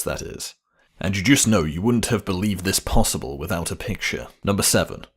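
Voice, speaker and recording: A man reading scripted narration for a list video in a playful, wry way. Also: sits low.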